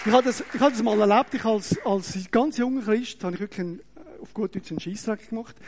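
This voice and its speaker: Swiss guy preaching, high voice, jokey, keeps asking the crowd oder?. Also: brisk, slight background noise. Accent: Swiss German. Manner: animated, joking, often tags questions with "oder?". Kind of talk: lively sermon with audience demonstration.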